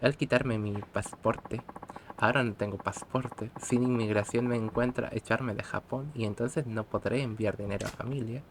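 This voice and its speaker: A man voicing a hurt young foreign woman who pleads in broken, halting speech. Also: medium pitch, steady tone, noisy background, natural voice. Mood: pleading. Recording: game music behind the voice.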